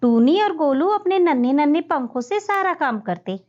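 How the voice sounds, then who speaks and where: A woman's voice: high-pitched, animated, normal speed, darkish tone. A woman storyteller reading scripted narration for a children's tale. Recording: dull lo-fi audio.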